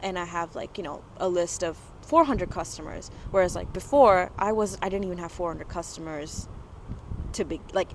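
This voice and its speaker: A woman's voice: on the low side, moderate pace, a little hiss or hum, poor audio. Chatty young woman, filler-heavy talk. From Dubai. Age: 20s. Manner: chatty, many fillers like "you know" and "like". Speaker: guest entrepreneur. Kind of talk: casual interview talk.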